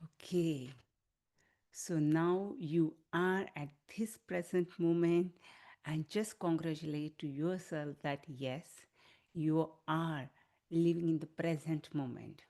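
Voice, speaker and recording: A woman leading an online wellness class as a healing teacher, giving soothing, unhurried instruction. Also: low voice, fairly even intonation, dark tone. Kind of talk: online wellness class talk with guided relaxation.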